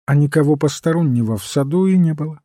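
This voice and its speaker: A man voicing a mild, patient little priest detective who answers calmly and cryptically. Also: on the high side, fast, no echo, studio quality, pitched above the performer's own voice, natural voice. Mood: calm, cryptic. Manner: calm, gently cryptic.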